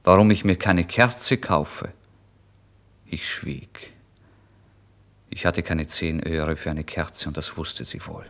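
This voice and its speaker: Casting: a deep, low-voiced man reading a classic novel aloud, measured and dramatic. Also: a bit bright. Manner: measured, dramatic first-person telling. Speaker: narrator. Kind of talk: literary reading.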